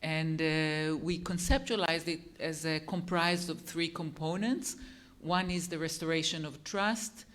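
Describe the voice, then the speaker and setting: A psychologist on a panel, explaining concepts in a measured academic way. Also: male voice, fairly high pitch, fairly even intonation, a bit bright.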